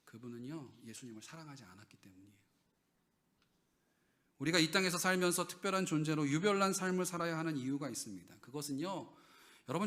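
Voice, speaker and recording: A male pastor preaching a sermon in a church. He asks the congregation questions, then moves between loud, emphatic lines and quiet, low asides.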